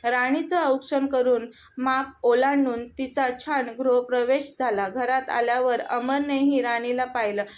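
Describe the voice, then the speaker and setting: A woman narrating a scripted story in a steady, plain reading voice. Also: sits high, unhurried. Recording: dull lo-fi audio.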